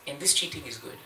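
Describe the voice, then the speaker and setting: Male speaker for a home sermon, lively storyteller, bright and animated, recorded from across an echoey room. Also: a little high. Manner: lively storyteller, acts out voices in the tale. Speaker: visiting speaker giving a scripture class. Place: devotee's home, evening class. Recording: roomy, distant mic, faint noise.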